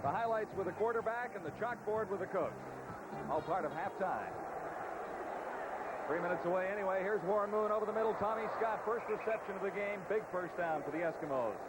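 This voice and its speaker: A man's voice: high-pitched, fairly quick, over loud music, poor audio. A man calling football for television in clipped, factual phrases. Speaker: play-by-play announcer. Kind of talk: TV football commentary. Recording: old TV broadcast, loud background sound.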